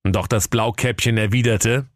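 A man's voice: on the low side, fairly even intonation, a little slow, no room sound. A man narrating a comic fairy tale in a dry, playful storytelling manner.

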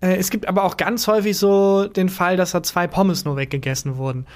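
High-voiced joking man. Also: fairly even intonation, a little fast. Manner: jokey, acts out playful voices to riff on stories. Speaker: podcast co-host. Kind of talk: casual chat.

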